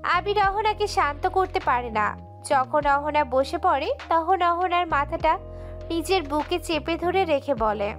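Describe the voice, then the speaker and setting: Under a faint layer of background music, a woman reads a romantic audio story aloud in a high voice. Her delivery is emotive, steady and unhurried.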